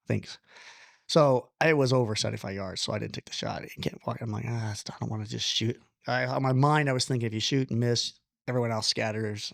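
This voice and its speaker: A man telling a long personal story in casual conversation, animated, blunt and self-deprecating, with the odd curse word. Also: on the low side, gravelly, no room sound, studio quality. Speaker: podcast guest.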